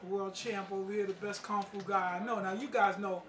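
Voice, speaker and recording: At an indoor play reading, a middle-aged playwright and martial arts master speaks informally and emphatically, plain-spoken and street-wise, in an interview and presentation. His voice sits high with a steady tone and a fairly quick pace. The mic is distant and roomy, with crowd noise and people in the background.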